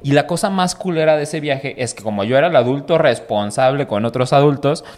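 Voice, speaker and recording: Animated, foul-mouthed Mexican guy telling a story. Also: mid-range voice, brisk. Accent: Mexican Spanish. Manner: animated, swears a lot, acts out voices in his stories. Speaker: podcast co-host. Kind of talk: casual storytelling chat.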